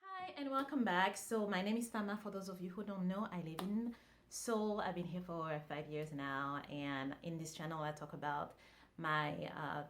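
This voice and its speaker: Loud music plays behind this French vlogger as she chats to camera in a lowish voice at normal speed. She's easygoing and conversational, often restarting and dropping in fillers.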